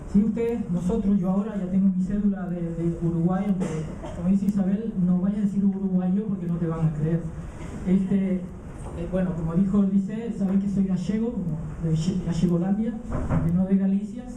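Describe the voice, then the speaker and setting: A man's voice: high-pitched, steady tone, moderate pace, mellow, a little hiss or hum. A man raised in Venezuela giving a live conference talk, hesitant with many fillers and restarts. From Canary Islands, raised in Venezuela. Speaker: conference speaker. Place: conference hall. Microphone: handheld mic held away from the mouth. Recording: roomy hall, distant mic, dull sound.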